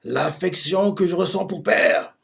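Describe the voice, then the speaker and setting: A man's voice: high-pitched, unhurried, gravelly, fairly bright tone, voice pushed up, heavily acted. A man voicing an unhinged, arrogant young male water wizard as he reads a manga aloud, raising his voice into declamatory threats. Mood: enraged.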